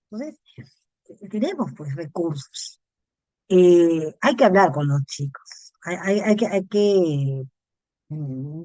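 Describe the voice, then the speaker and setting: A woman's voice: medium pitch, a little mellow, no room sound. A woman psychologist with a Peruvian Spanish accent lectures at a conference. She speaks in a mid-range voice and keeps it conversational, checking in with tag questions and repeating words as she thinks. The recording is dry and close, with little room sound.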